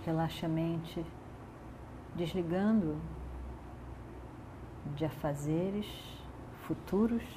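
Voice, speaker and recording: A woman guides a meditation in a soothing, calm manner, leaving long pauses between short phrases. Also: deep voice, background noise.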